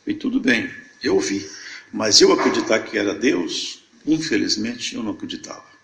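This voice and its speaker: Older man with a gravelly voice giving a testimony. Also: medium pitch, lively intonation, moderate pace, a bit bright, reverberant, a little hiss or hum, poor audio. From Brazil, Minas Gerais. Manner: storytelling that acts out remembered dialogue. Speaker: church member giving testimony. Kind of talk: emotional church testimony.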